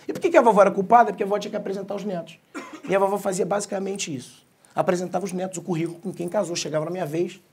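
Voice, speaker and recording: Husky, fast-talking Brazilian man on stage. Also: high-pitched, a little mellow. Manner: jokey, swears freely, acts out family dialogue. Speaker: speaker giving a keynote talk. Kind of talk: comic storytelling keynote. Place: conference stage.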